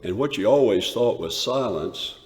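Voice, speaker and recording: A man's lowish, natural-sounding voice, animated throughout, carries a dramatic monologue of a rough shepherd recalling a wondrous night with growing awe. He leans on emphasis and dramatic pauses, climbing from a hush to shouting. Recorded live in a large, echoey church hall with long reverb.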